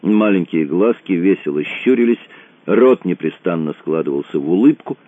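A man narrating an audiobook in an expressive reading style, in a tinny, dry recording. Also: sits low, normal speed, dry recording. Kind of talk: scripted narration. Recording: tinny phone-like dry sound.

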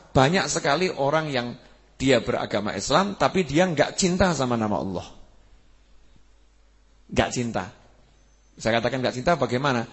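A man preaching a sermon, animated, building to emphatic peaks and asking his listeners questions. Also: mid-range voice. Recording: husky voice with long hall reverb.

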